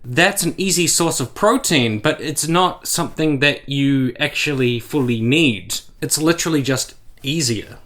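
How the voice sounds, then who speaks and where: A man's voice: mid-range voice, a little slow, hardly any pauses, fairly bright tone. Blunt, sarcastic man commenting. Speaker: commentary YouTuber. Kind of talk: opinion commentary vlog.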